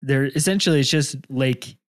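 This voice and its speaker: A man's voice: medium pitch, normal speed, no room sound. Male podcast co-host, casual and rambling, hesitant, dry close mic. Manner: rambling, hesitant, laughs often. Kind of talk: casual chat.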